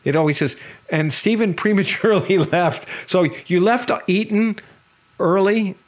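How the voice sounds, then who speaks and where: A middle-aged man, hosting a podcast in a chatty way, quick to agree and laugh along. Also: sits high. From Canada. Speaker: podcast host. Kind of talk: casual interview conversation.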